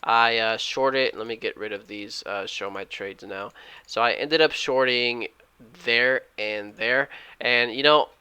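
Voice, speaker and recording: A man recapping his day trades at home, talking fast and loud and often correcting himself. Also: mid-range voice, smooth. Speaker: day trading YouTuber. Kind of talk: screen-share trade recap. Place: at home, alone.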